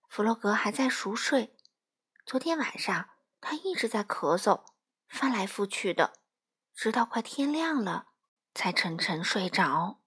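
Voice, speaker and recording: A mother reads a picture book to children in a gentle, slow, sing-song way. Her voice is fairly high and breathy and swings widely in pitch. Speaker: storyteller, a mother. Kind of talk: children's story reading.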